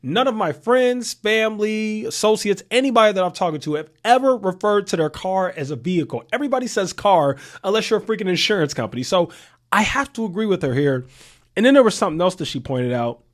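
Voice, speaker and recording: A thirty-year-old man talks straight to his audience in a casual commentary, leaning on rhetorical questions and repeating key points for emphasis. His voice sits a little higher than most men's. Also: expressive, fairly quick. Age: 30s. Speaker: commentary channel host.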